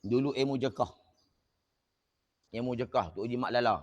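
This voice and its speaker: In an online class, a religious teacher tells an anecdote with animation, his voice jumping up when he gets excited. He speaks at a moderate pace in a medium pitch, and the recording sounds muffled.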